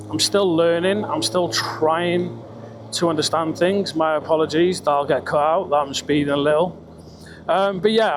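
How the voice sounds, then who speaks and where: A British man with a slightly high voice vlogs from inside his helmet while riding a motorbike. He rambles along in a casual, chatty, sweary way. Engine and wind noise run clearly behind his enclosed-sounding voice. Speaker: vlogger. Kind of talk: casual ride-along motorbike vlog chat. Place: outdoors, riding a motorbike on country roads. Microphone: microphone inside a helmet. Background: motorbike engine and road noise.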